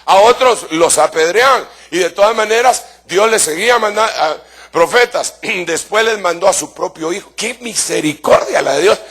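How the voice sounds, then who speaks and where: A male pastor preaching a sermon with fervor. He addresses the congregation as brother and asks rhetorical questions. He swings between soft asides and shouted emphasis. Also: fairly high pitch, breathy edge.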